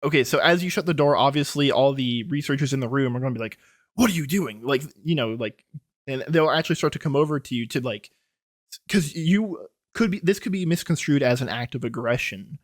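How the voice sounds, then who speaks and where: Man, game master, rambling narration, filler-heavy, mid pitch, dry close sound. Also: a little fast, no echo. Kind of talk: narrating a tabletop horror game.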